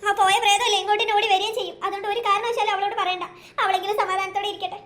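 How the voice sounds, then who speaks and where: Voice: very high-pitched, little pitch movement, very fast, bright, forceful tone. A performer voicing a frightened young woman in a cartoon ghost story, pleading and wailing dramatically. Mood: fretful.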